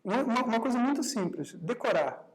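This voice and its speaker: A man's voice: extremely high pitch, sing-song, brisk, low-quality recording. A man leads a live meditation workshop. His tone is conversational and easy, and he keeps checking in with his listeners. Now and then he slips into short acted-out exchanges. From Brazil. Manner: conversational, often adds tag questions to the audience; acts out quoted dialogue in his own talk. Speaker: meditation teacher.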